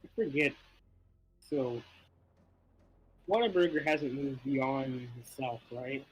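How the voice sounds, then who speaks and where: A young man stuffy from allergies chats casually while gaming on a stream, rambling and laughing often. His mid-range voice is slow and husky, and the recording is rough.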